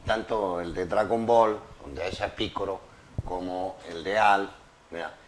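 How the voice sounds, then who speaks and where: A man's voice: sits low, measured pace, low-quality recording. A man interviewing a guest, chiming in with short agreeing remarks. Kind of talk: casual interview.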